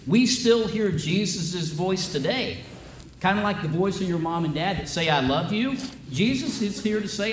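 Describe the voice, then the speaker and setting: A man with a somewhat high voice leads a children's sermon as pastor, chatty and full of questions for the kids. He is picked up from a distance in a roomy church, with a faint murmur behind him. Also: slight background noise. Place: church sanctuary.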